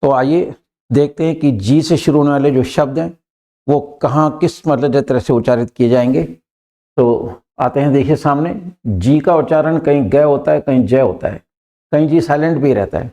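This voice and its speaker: A man teaching English pronunciation in a patient lesson, repeating key points and checking in with "clear?" and "right?". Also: medium pitch, normal speed, mellow. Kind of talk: explanatory lesson mixing Hindi and English.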